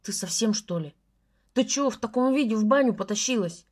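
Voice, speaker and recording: An enraged young man spits curses and threats, voiced by a woman reading aloud. He is rough and hot-tempered, and his voice sits a little higher than a man's usual. It is storybook dialogue, read with force. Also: expressive, a little fast, darkish tone, natural voice. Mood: scolding. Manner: swearing, barking threats. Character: furious young man, rough and foul-mouthed. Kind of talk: audiobook dialogue.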